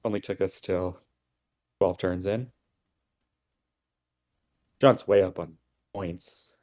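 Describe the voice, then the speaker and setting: Low-voiced relaxed male game analyst. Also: slow. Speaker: game commentator. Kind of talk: casual analytical game commentary.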